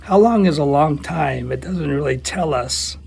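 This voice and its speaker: Man with thin, squeaky, husky voice. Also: a little slow, darkish tone. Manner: folksy, plain-spoken, self-deprecating. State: squeaky, strained voice from a bug. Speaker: church small-group leader giving a video teaching. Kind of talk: casual devotional talk.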